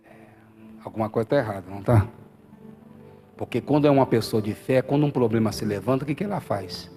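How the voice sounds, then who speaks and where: A male pastor with a Brazilian Portuguese accent preaching a fervent sermon in a church, swinging from quiet talk to loud calls and asking for amens. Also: medium pitch, fast talker, soft background music. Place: church hall.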